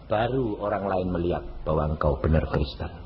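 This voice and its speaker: A man's voice: low-pitched, lively intonation, normal speed, slight background noise. A male evangelist, preaching a sermon and teasing the congregation with rhetorical questions. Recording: dull echoey hall recording.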